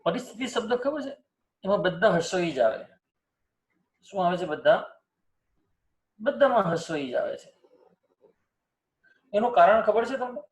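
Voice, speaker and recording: A man's voice: sits high, very animated, unhurried, pauses often. A man teaching a spelling lesson, asking students questions and repeating example words to drill pronunciation. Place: teaching setup with screen and cursor.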